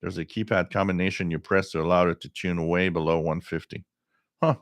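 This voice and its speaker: A middle-aged man hosting a casual live stream, talking in a halting way with frequent pauses as he reads out viewer comments. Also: low voice, fairly even intonation, dry recording, studio quality. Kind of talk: casual live stream chat about radio.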